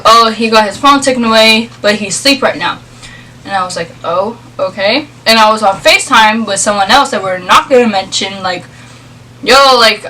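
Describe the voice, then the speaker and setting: Bright-voiced young woman telling a story. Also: medium pitch, recorded from a distance, poor audio. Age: young adult. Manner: informal, filler-heavy speech with frequent "like". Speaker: vlog co-host. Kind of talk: casual storytelling chat.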